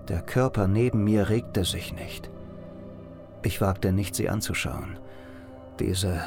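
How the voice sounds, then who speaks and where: An actor playing a world-weary hard-boiled private detective, narrating in the first person with dry, sardonic humor. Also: male voice, medium pitch, close to an everyday voice. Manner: dry, sardonic inner monologue. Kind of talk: first-person noir audio drama narration.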